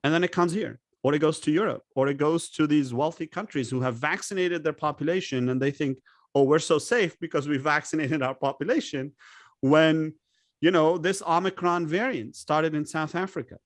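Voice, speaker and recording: A man's voice: a little high, normal speed, no room sound, studio quality. A man from Lebanon speaking as a guest expert in an interview, making emphatic points and posing rhetorical questions. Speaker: guest expert on public health. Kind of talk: conversational interview.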